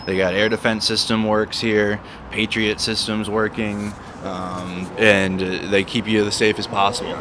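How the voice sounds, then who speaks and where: A man's voice: on the low side, little pitch movement, a little slow, hardly any pauses. A man hosting a casual live stream, chatting and repeating words and phrases for emphasis. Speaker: livestream host. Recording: noisy outdoor city street with traffic.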